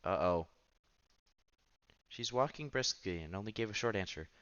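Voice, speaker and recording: A man streams a visual novel, reading the story text aloud with casual asides and the occasional stumble. His voice is fairly low and a bit bright, with lively intonation at normal speed. The sound is dull and lo-fi, with the game's background music behind him.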